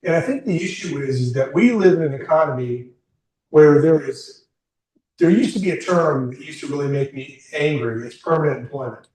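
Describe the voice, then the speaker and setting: This career workshop is led by a man in his sixties whose fairly high, expressive, slightly mellow voice moves at a moderate pace. Chatting frankly with the group in a meeting room, he asks them questions. The recording is echoey, with the mic placed far off.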